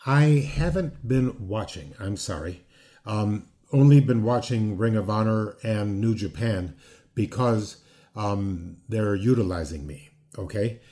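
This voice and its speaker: A man in his sixties, a former wrestler who now hosts a podcast, chats casually in an interview, rambling along with lots of fillers and restarts. His voice is lowish, slow and mellow.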